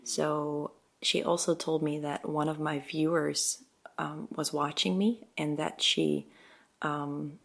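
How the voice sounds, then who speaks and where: A young woman who makes ASMR videos, chatting softly and casually to her viewers with frequent hesitations. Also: low voice, little pitch movement, slow pace, gravelly. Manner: soft, hesitant, many ums, light laughs. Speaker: ASMR creator. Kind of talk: soft-spoken casual chat to viewers.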